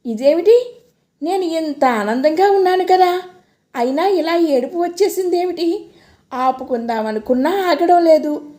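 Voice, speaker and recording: A woman's voice: extremely high pitch, moderate pace, mellow, voice pushed up. A woman voicing a tearful, overwhelmed young married woman in an audio story. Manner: emotional, pleading.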